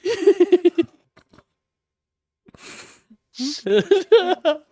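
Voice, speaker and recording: A woman with a high, bouncing voice banters crudely and giggles often as a player in a tabletop game. She speaks at an unhurried pace. Her voice sounds dry and close. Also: very animated, warm tone, no room sound. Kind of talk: casual tabletop chat. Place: online voice call.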